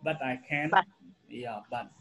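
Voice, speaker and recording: A man's voice: mid-range voice, animated, slow, heavy background noise. A man with an Indonesian accent, an English teacher explaining grammar in an online class and often stopping to ask the students questions.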